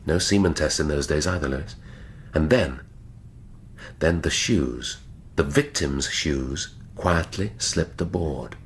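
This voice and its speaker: A man playing a middle-aged English detective inspector in a radio drama, speaking in a measured, dry, deliberate way. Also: extremely low pitch, animated, slightly rough, exaggerated voice. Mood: grave, pondering. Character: brooding, cerebral English police detective inspector. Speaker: actor.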